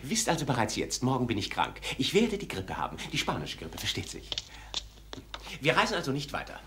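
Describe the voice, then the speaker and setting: An actor playing a sly, genial abbé diplomat in a German-dubbed period series, talking suavely and with amusement. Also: male voice, medium pitch, huge pitch swings, brisk, fairly bright tone, a little hiss or hum. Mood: wry. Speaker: abbé, papal envoy.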